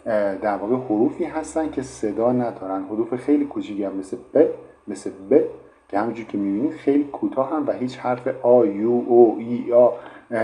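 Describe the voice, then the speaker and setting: A man's voice: on the low side, mellow. A man teaching English pronunciation in an online lesson, explaining patiently with frequent fillers. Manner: explanatory, many fillers like "in fact".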